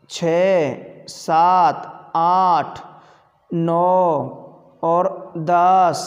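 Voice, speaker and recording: A teacher working through a Sanskrit grammar lesson at a slow, patient pace, asking the class questions and then answering them. Sounds get drawn out to demonstrate them. The voice rings with a long reverb, as if recorded in a large echoing room. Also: mid-range voice, a little mellow.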